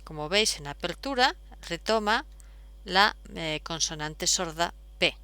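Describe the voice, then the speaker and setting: A woman's voice: lowish voice, lively intonation, a little slow, bright, forceful tone, clear, resonant tone, no echo. A woman, explaining step by step as a teacher, patient, with frequent fillers. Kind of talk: explaining at a whiteboard.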